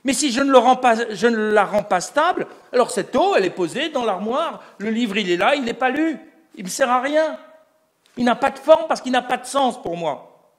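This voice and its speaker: A man's voice: very high-pitched, expressive, normal speed. A man giving a lecture on religious texts, explaining step by step and posing rhetorical questions that he answers himself. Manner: explanatory, building an argument step by step. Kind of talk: recorded lecture.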